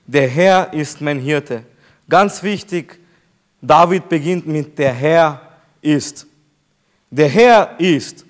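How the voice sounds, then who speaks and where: High-voiced man preaching a sermon. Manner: emphatic, repeats key phrases slowly. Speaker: pastor.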